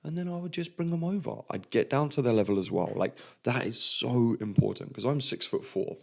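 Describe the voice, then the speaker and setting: A man's voice: medium pitch, brisk, gravelly, darkish tone. A young man hosting a podcast and talking casually about refereeing, full of "like" and "um". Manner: chatty, lots of "like" and "um". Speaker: podcast host, football referee. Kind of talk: casual solo podcast talk.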